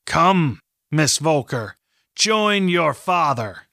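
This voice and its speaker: A man voicing a calm, menacing male master who taunts a young woman in a storybook reading. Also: mid-range voice, takes it slowly, vocal fry, no room sound, studio quality, full character voice. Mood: taunting. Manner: cold, mocking.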